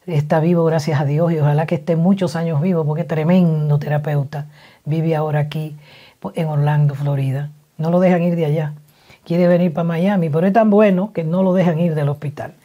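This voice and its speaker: A woman psychologist giving advice, telling personal stories in an animated, emotional way with frequent restarts. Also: fairly low pitch. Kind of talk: personal storytelling advice talk.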